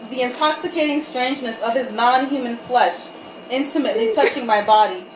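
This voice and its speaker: Speaking fairly quickly in a highish voice, a woman tipsy from wine hosts and reads at a comic group gathering. Her dramatic rendition of erotic fiction is giggly and irreverent, broken up by joking comments. The distant mic yields a roomy recording with faint background noise.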